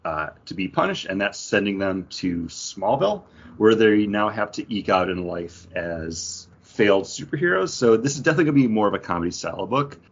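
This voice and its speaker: A podcast host chats casually about comic books in a husky, expressive voice that sits on the low side. He talks briskly, and the lo-fi audio sounds dull and muffled.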